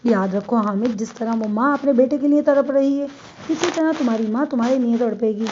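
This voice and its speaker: A woman voicing a stern, patient male police inspector who speaks in a measured, firm way. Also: a little high, background noise, lightly acted. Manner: measured, firm, rising to commanding. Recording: dull lo-fi.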